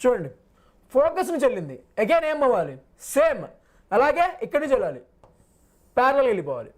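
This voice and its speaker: A man's voice: very high voice, very animated, quick pace, darkish tone. A male physics teacher in a live online class who reassures his students, repeats every point and asks and answers his own questions.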